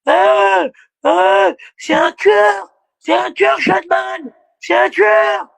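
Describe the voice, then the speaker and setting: A man mocking a hysterical woman by shouting her words in a shrill, high voice. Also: fairly even intonation, takes it slowly, vocal fry, no echo, full character voice. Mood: shrieking. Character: shrieking hysterical woman, mocked.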